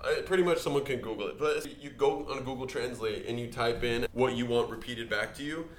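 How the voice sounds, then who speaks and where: A man's voice: medium pitch, a little fast. A young man co-hosting a podcast, telling a story in casual chat with many restarts and slips. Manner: rambling storyteller, frequent restarts and word slips. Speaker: podcast co-host. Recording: echoey room, faint noise.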